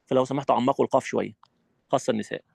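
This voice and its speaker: A man with an Egyptian Arabic accent teaching Quran recitation rules in an online training session, animated and demonstrative. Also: mid-range voice, rapid-fire, gravelly, no room sound. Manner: animated, demonstrative, acts out his classroom.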